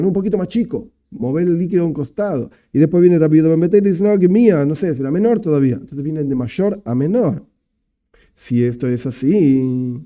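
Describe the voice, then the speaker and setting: Argentine male rabbi, Talmud lesson, mellow dark tone, slightly high voice, step-by-step explainer. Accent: Argentine Spanish. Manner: explains step by step, reads Aramaic phrases slowly.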